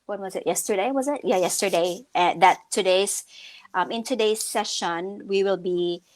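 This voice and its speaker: Co-hosting a laid-back live-stream business chat, a woman from the Philippines talks at normal speed in a mid-range voice. Her manner is upbeat and chatty, full of fillers and frequent restarts.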